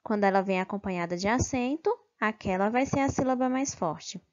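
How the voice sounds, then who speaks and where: A woman teacher giving a slow, careful grammar review lesson, stressing syllables and checking in with "ok?". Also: mid-range voice, darkish tone. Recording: dull lo-fi recording.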